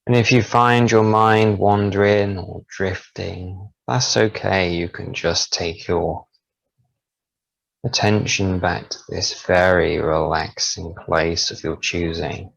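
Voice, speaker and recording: Slow, gravelly-voiced man guiding hypnosis. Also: deep voice, steady tone, dry recording, poor audio. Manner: slow, soothing, drawn-out phrases. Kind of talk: guided hypnosis relaxation.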